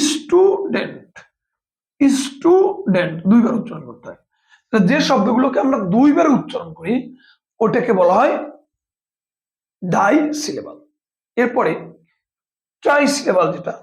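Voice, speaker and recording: A woman teaching an English grammar lesson, sounding out words slowly syllable by syllable and asking and answering her own questions. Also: fairly high pitch. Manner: slow, syllable-by-syllable demonstration of words; repeats and rephrases each point, asks questions and answers them. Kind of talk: classroom-style grammar lesson. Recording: roomy, echoey room sound.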